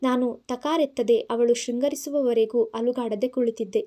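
A woman's voice: a little high, fairly even intonation, normal speed, mellow. A woman narrating an audio story in Kannada-accented speech, voicing the characters' lines herself.

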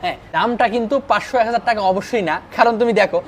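A young man hosting a food review vlog in a restaurant, talking excitedly and emphatically, often asking "okay?". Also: sits high, rapid-fire, a little hiss or hum. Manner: excited, emphatic, keeps asking "ঠিক আছে?". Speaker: food vlogger. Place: restaurant dining room.

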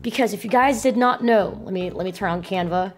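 A young woman hosting a casual livestream, chatting to viewers in a playful, excitable gamer-girl way with plenty of swearing and slang. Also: mid-range voice, fairly quick, faint music behind. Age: young adult. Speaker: live streamer, host. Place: small bedroom streaming setup. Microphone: close boom-arm microphone, headset on.

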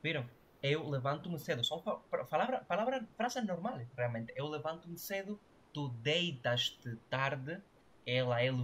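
A man's voice: fairly high pitch, a bit bright, slight background noise. A man teaching a language class online, explaining grammar and often checking that students follow. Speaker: Portuguese teacher.

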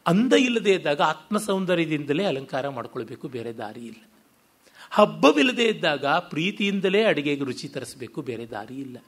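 Middle-aged male lecturer with a Kannada accent, high and lively voice, rhetorical, talks to a hall. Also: slightly rough. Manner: animated, rhetorical questions, sweeping pitch. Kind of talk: scholarly literary lecture.

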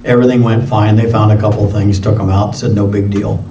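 Preacher in a roomy church, far from the mic. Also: male voice, little pitch movement, fast talker, a little hiss or hum. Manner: conversational preaching, swings from loud emphatic to low and quiet. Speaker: pastor. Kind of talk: sermon. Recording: roomy hall sound from a distance, dull lo-fi.

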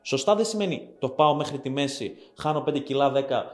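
A man's voice: medium pitch, expressive. A man giving viewers a blunt, scolding fitness talk, crude and profane, who repeats phrases for emphasis. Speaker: fitness vlogger. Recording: roomy echo with faint background music.

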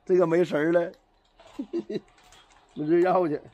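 A man's voice: sits high, slow, a little mellow, highs cut off, a little hiss or hum. A man with a Northeastern Chinese accent chatting casually and playfully outdoors while filming on a phone. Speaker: pet vlogger filming cats. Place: outdoors at a house doorway.

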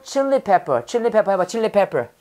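A woman leads a classroom vocabulary lesson. She is playful and lively, drilling each word aloud and slipping in pun stories with acted-out voices. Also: medium pitch, fairly quick. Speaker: English teacher.

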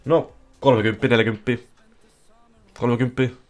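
A man talks his way through a live casino slot stream, reacting to every spin and breaking into loud yells when a win lands. His voice sits at an ordinary middle pitch. Faint music plays quietly behind him. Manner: excitable, bursts into yelling at wins. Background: faint music playing.

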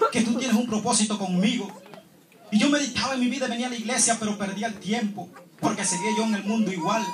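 Churchgoer man with a very high voice, impassioned testimony, roomy hall echo. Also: noisy background. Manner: impassioned, keeps addressing the congregation as holy brothers. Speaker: church member giving testimony.

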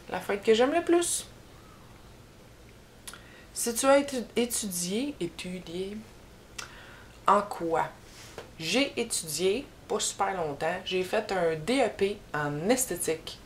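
Answering tag questions for her YouTube channel, a young adult from Quebec talks to the camera in a relaxed, meandering way, pausing often on fillers. She has a Québécois French accent and a lowish voice, with a little hiss or hum. She sits in a small room before a bookshelf, filmed head-and-shoulders from the front.

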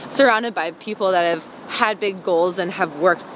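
On a city sidewalk, a young woman singer from Wisconsin walks and chats at normal speed, her voice on the low side. She's giggly and casual in this interview, leaning heavily on "like" and "um." A handheld camera held close picks her up over background street noise.

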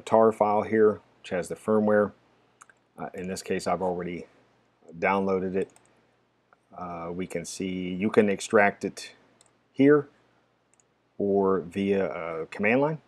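A man with a very low voice talks through a hardware and software setup on screen. His delivery is casual and halting, with plenty of fillers as he explains each step. Keyboard typing and mouse clicks sit faintly behind him. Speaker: tech tutorial presenter. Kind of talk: screen-recorded software walkthrough.

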